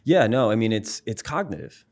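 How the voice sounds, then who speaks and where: A man, a psychology professor and musician, explaining ideas in a relaxed interview, thoughtful, with frequent fillers and restarts. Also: fairly low pitch, moderate pace. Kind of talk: casual explanatory interview talk.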